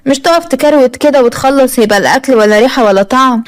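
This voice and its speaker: A sharp-tongued Egyptian mother-in-law, put on by a woman narrator, firing off criticism in a high, very rapid voice. She sounds snide and critical in a storybook cartoon telling. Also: natural voice.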